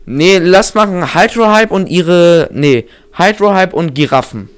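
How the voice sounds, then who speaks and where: A man's voice: sits high, expressive, unhurried, smooth. A young man co-hosting a podcast in casual, slangy chat sprinkled with English interjections. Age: young adult. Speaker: podcast co-host.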